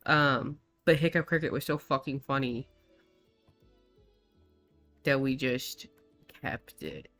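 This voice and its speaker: A man's voice: medium pitch, slow pace, long pauses, bright, forceful tone. A man chatting while playing a game with a friend, telling a funny family story with casual swearing, faint game music behind. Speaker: co-op gaming partner. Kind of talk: casual gameplay chat.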